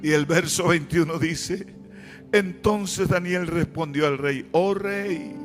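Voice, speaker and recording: A man preaching a sermon as pastor, swinging between fervent shouts and hushed, tender tones. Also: fairly high pitch, slow pace, faint music behind.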